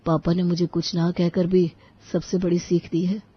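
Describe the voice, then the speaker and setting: A woman voicing a hot-tempered young married man who is protective of his father and quick to raise his voice. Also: lowish voice, flat delivery, breathy edge, muffled recording. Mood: remorseful. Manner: indignant, raises voice.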